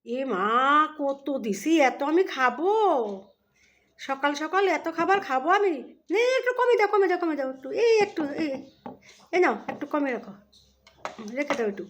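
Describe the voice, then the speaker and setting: A woman's voice: high voice, expressive, normal speed, long pauses, a little hiss or hum. A woman vlogger chatting casually as she is served homemade sweets, fussing over the portions and praising the cooking. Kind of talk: casual chat while eating.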